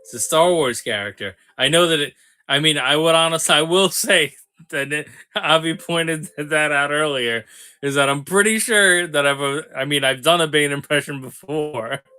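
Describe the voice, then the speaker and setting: A man's voice: on the high side, normal speed, pushed and bright, clean tone. A man hosting a live toy sale stream, chatting casually with viewers, joking and laughing often.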